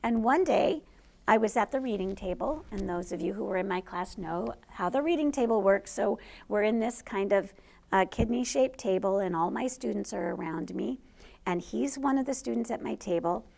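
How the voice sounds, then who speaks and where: A woman's voice: medium pitch, animated, normal speed, creaky, a little mellow. A middle-aged woman, a teacher, telling a personal story in a conversational way to an audience. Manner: conversational, laughs through funny parts.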